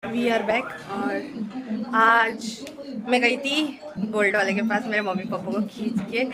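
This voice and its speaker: Chatty woman vlogger with a higher voice. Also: steady tone, slow pace, crowd noise. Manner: chatty, talks straight to viewers; heated and emphatic when ranting. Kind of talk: casual daily vlog chat.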